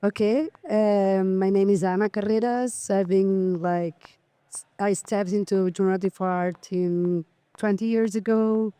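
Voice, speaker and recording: A woman's voice: mid-range voice, fairly even intonation, a little slow, mellow, clear, resonant tone, dry recording. A woman in her forties, an artist guest in a casual interview, speaking hesitantly and searching for words.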